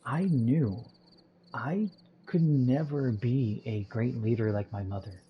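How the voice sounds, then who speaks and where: A man voicing a calm, earnest young female mage heir. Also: mid-range voice, slow pace, husky, lo-fi sound.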